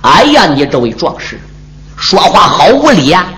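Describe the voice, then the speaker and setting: A man's voice: fairly high pitch, very animated, moderate pace, fairly bright tone, poor audio. A man voicing a sly, evasive old landlord who talks in a placating, wheedling way, in a traditional storytelling performance. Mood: protesting. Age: older. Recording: music playing behind.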